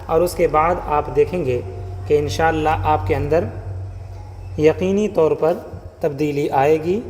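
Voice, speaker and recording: A man teaching a slow, patient writing lesson, sounding out each letter and repeating words for his viewers. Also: fairly high pitch, fairly even intonation, a little mellow, in a large hall, slight background noise.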